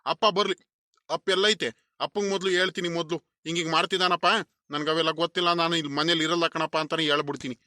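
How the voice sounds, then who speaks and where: A resentful middle-aged villager from a cartoon, voiced by a man, who grumbles and repeats himself. His voice sits high and bright, recorded close and dry. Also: little pitch movement, fast talker, dry recording. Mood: grumbling. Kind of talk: animated cartoon voice acting.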